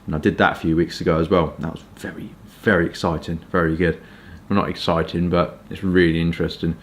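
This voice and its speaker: A man from Kent with a southern English accent, chatting informally and hesitantly in a rambling casual review, with stop-start pauses. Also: deep voice, flat delivery, a little hiss or hum. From Kent, England. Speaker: pipe tobacco reviewer.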